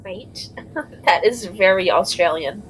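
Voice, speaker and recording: A woman's voice: medium pitch, normal speed, fairly bright tone, faint music behind, poor audio. Chatty woman commenting on a game. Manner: chatty, laughs often, reacts aloud to the game. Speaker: gaming video host. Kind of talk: casual let's-play commentary.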